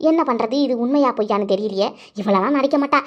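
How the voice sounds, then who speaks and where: Lady doing a complaining little-sister auntie in a cartoon, high and fast. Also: lo-fi sound, close to an everyday voice. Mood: plotting. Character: younger sister aunt, petty and whining. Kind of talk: cartoon voice acting.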